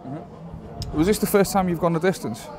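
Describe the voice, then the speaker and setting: A man's voice: high-pitched, moderate pace. A man working as an interviewer, asking casual, conversational questions about sport. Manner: informal, conversational. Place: backstage at a large arena. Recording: backstage arena interview with crowd noise.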